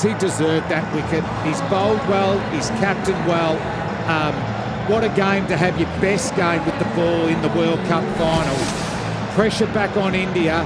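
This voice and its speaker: A man's voice: high-pitched, very noisy. A man analysing live cricket as an expert commentator, explaining the play with emphasis.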